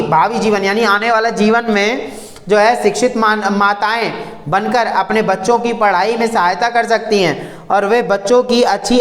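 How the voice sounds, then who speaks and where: Man, teacher, textbook lesson, reads then explains simply, firm advice to students, echoey room. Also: sits high. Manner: reads textbook lines, then restates them in plain words; lectures students firmly with direct advice.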